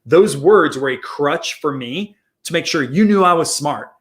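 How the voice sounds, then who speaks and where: A man's voice: a little high, lively intonation, a little slow. A man co-hosting a marketing podcast, explaining ideas in casual chat and often restarting and repeating his phrases. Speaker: co-host, marketing consultant.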